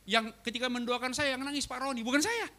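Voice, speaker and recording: A male pastor preaching a sermon, telling a personal story with animated swings from loud outbursts to quiet asides. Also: very high-pitched, quick pace. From Batak. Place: church hall.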